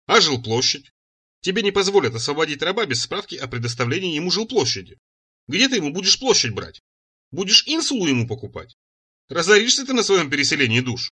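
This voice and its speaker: A man's voice: fairly high pitch, very animated, fairly quick, pushed and bright, slightly rough, heavily acted. A man reading an audiobook, voicing a shrewd, pragmatic male friend who argues wryly.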